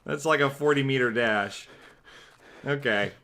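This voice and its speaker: Playing through a game, a male streamer keeps up sarcastic, joking commentary with dry digs at it. He speaks in a mid-range voice, unhurried, with a tone that is bright and forceful.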